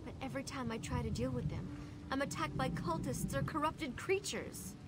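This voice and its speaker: A woman's voice: sits high, moderate pace, heavy background noise, lightly acted. A woman playing an anxious young ally in a video game who frets and doubts herself while she works. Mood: weary. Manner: earnest, fretful and self-doubting. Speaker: game character. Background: loud game music.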